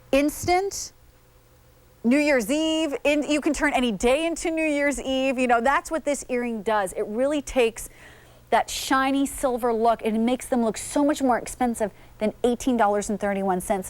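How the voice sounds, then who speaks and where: Chatty woman selling on TV. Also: fairly high pitch. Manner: chatty, enthusiastic, digressive. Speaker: shopping channel host. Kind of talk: live TV sales pitch.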